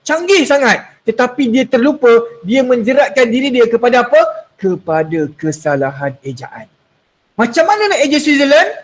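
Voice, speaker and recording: A man's voice: very high-pitched, big pitch swings, normal speed. A young man with a Malaysian Malay accent, a religious teacher giving a playful exam revision class to students. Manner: playful, storytelling, coaxing students.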